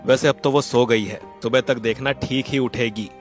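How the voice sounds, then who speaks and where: A man voicing a loving young husband who speaks calmly and soothingly in a dramatized moral story. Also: medium pitch, moderate pace, soft background music, lightly acted. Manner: soothing, calm.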